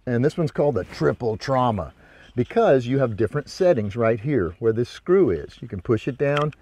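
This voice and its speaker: Outdoors in brush by a ravine, a hunting instructor and presenter gives a casual hands-on demonstration, explaining things in an informal, folksy way. His medium-pitched voice is warm and very animated at a normal speed.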